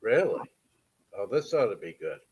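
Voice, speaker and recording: A man with a Maine accent in casual chat, telling an animated story and laughing, his voice leaping up when amused. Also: medium pitch, normal speed, breathy edge, muffled recording.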